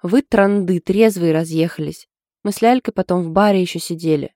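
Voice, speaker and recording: A woman voicing a sharp-tongued, sarcastic young woman who talks loudly and dramatically in an audiobook. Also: on the low side, brisk, no echo, clean studio sound, natural voice. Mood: indignant. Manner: loud, dramatic, grumbling.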